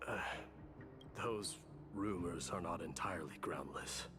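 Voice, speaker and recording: A man playing a resolute warrior prince in a video game, speaking in a formal, solemn and measured way. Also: deep voice, noisy background. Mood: guarded, grave. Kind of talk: dramatic video game voice acting. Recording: game music under the voice.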